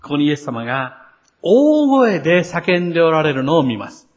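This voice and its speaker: Expressive male pastor preaching. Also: on the high side, normal speed, dull audio. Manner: earnest, expressive preaching with rising emphasis. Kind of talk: sermon.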